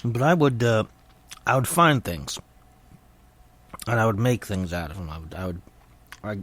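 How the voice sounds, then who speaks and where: A middle-aged man hosting a casual solo podcast, rambling haltingly with his jaw held nearly shut, so his words come muffled through his teeth. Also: on the low side, lively intonation, a bit bright, no room sound. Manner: halting and hesitant, repeating words. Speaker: podcast host.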